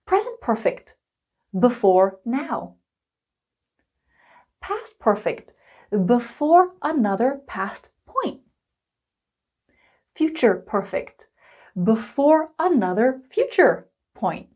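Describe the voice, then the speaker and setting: Woman english teacher, slow and deliberate, voice bouncing up and down a lot. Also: fairly high pitch, sing-song, mellow. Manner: slow, deliberate, emphatic explaining. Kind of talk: recorded grammar lesson.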